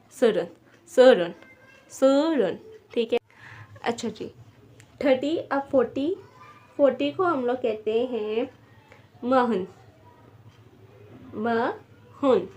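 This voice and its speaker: Woman, language teacher, beginner lesson, patient repetition, slightly high voice, slow pace. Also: a little mellow. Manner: patient, repeats each word slowly, checks in with "theek hai".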